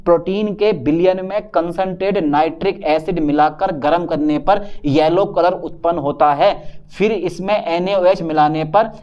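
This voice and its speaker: A male chemistry teacher giving a casual, lively lecture and playing both teacher and questioning student in a back-and-forth. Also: on the high side, unhurried, clean tone, dull audio. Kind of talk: casual Hindi classroom lecture.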